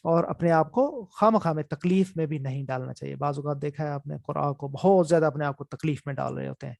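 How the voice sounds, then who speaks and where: Gravelly male teacher explaining patiently. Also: on the high side, darkish tone, no echo. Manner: explanatory, repeats key points with "theek hai". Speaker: Quran recitation teacher. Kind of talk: online class lecture.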